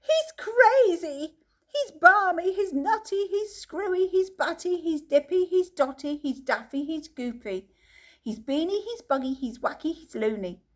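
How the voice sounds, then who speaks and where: A woman doing frantic, shouting parents. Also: high voice, very animated, moderate pace, voice pushed up. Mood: frightened. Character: panicked group of fathers and parents. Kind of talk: audiobook reading.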